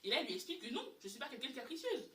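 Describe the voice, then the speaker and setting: A young woman tells a story in a casual chat, animated and exasperated, circling back over her own words. Her voice is bright and sits a little high. She sounds distant from the mic, in a room with plenty of echo. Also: racing. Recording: echoey room, far from mic.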